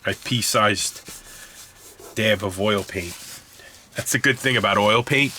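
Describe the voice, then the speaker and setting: A man's voice: lowish voice, a little slow, pushed and bright, a little hiss or hum. Congested, chatty man building models. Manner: rambling, self-correcting, chatty. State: stuffed up, congested. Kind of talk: casual hobby tutorial.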